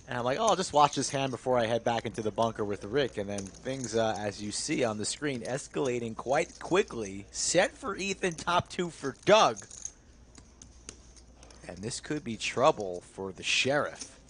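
A man's voice: mid-range voice, expressive, normal speed, a bit bright, slight background noise. Man doing live poker commentary.

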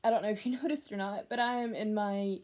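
A young adult woman giving a casual vlog update to camera, speaking haltingly and often trailing off. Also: medium pitch, fairly even intonation, a little mellow. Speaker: vlogger. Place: small room at home, indoors.

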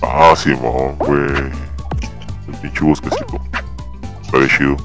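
A Mexican man talking through a deep demonic voice-changer filter, chatting and joking with slang and swearing while gaming. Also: fairly even intonation, a little slow, over music. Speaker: gamer. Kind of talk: casual gaming chat with a friend.

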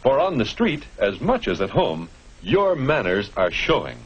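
A man narrates a 1950s educational film in an instructive manner, posing rhetorical questions to the viewer. His medium-pitched, husky voice is very animated but measured in pace, and the dull audio comes from a noisy old film soundtrack.

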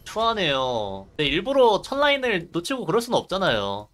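A man's voice: sits high, huge pitch swings, quick pace. A man livestreaming casual gameplay commentary, reacting in short muttered exclamations and asides into a close mic.

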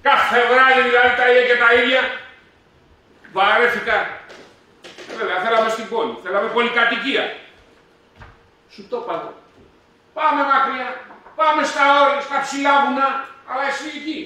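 A man's voice: extremely high pitch, long pauses, heavily acted. A man acting a fed-up husband who rants and complains at his wife in a live amateur stage play, heard from far off in an echoey hall. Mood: ranting. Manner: ranting, complaining, shouting. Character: fed-up husband ranting about city life. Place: theatre stage. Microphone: distant room mic.

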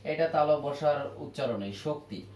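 Slow, repetitive male teacher in an echoey room. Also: a little high, darkish tone. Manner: slow, repeats each word over and over to drill pronunciation. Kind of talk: classroom grammar lesson at a whiteboard. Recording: echoey room with faint ambient noise.

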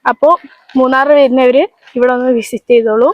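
Casting: female casual vlogger, Kerala Malayalam accent, high-pitched, chatty, talking straight to viewers. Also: flat delivery, brisk, dry recording, narrow, tinny audio. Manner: chatty, addresses viewers and companions directly. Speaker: vlog host.

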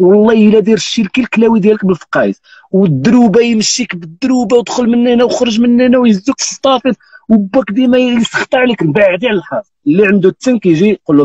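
This Moroccan live-stream host in his thirties jokes and teases, swearing oaths often, over a phone on a live video call. His voice sits high and a little mellow, the highs are cut off, and there's slight background noise.

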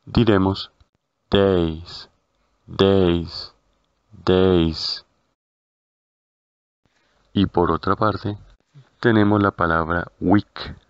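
Slow, deep-voiced male language teacher. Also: no room sound. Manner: slow, careful, repeats each word. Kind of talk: scripted lesson narration. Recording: dull, lo-fi.

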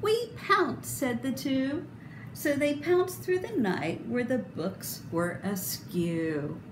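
Background noise is clearly audible and the indoor room gives a roomy echo as a middle-aged storybook reader performs a children's picture book. Her fairly high voice moves slowly, theatrical, emphatic and sing-song.

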